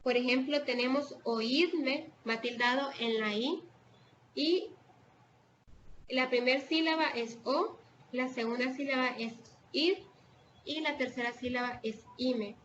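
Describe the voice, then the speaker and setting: A woman's voice: high voice, measured pace, long pauses, fairly bright tone. A woman with a Salvadoran accent teaching an online class, hesitating with fillers and restarts as she explains. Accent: Salvadoran Spanish. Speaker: online tutor. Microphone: video call. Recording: dull lo-fi video call audio with faint noise.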